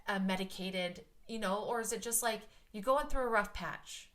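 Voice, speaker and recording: A woman in her late thirties hosting a podcast, chatting frankly, swearing freely and thinking out loud with lots of likes. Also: mid-range voice, moderate pace. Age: 30s. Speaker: podcast host. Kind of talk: casual chat.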